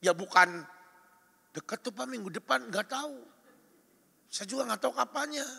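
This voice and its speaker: A man preaching a sermon as pastor, emphatic and exhorting, shifting between loud calls and quiet asides. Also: extremely high pitch, animated, moderate pace, vocal fry, slightly rough. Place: church or retreat hall. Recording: reverberant hall recording.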